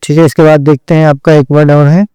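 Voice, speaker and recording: Dry, dark-voiced man teaching step by step. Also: on the high side, little pitch movement, fast talker, smooth, no room sound, low-quality recording. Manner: repeats "theek hai" after each step, addresses students directly; drills points over and over. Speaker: shorthand teacher. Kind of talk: online shorthand lesson.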